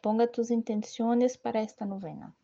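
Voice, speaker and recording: A woman leading a guided devotional prayer, reciting in a measured, steady way. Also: on the high side, creaky, lo-fi sound. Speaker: prayer leader.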